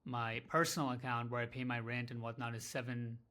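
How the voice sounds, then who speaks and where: A man's voice: medium pitch, level tone, brisk, bright, forceful tone. A man talking candidly in a casual vlog about his small business, rambling, swearing and running himself down. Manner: rambling, candid, profane, self-deprecating. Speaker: small business owner vlogging.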